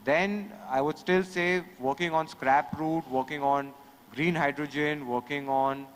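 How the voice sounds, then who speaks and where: A man, answering a panel question in a measured, explanatory way on a conference stage. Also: a little high, steady tone. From India. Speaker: industry panelist. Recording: reverberant conference hall.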